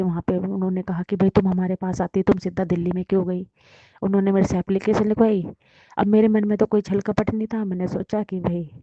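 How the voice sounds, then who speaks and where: Woman, devotee giving a testimony, mellow dry voice, muffled recording. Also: mid-range voice, no echo. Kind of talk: personal testimony.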